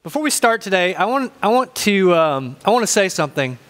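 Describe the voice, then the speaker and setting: A man in his fifties with an Ozarks accent preaching a sermon as a pastor, deliberate and repeating phrases for emphasis. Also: high voice, big pitch swings, fairly bright tone, soft background music. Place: large church stage indoors.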